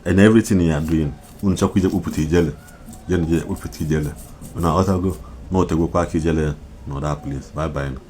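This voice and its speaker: Deep guy doing an impassioned rant, flips between n english, repeats himself for emphasis, bit of background noise. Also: very fast, darkish tone. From Nigeria. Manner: mixes Igbo and English, repetitive, emphatic. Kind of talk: impassioned social media commentary.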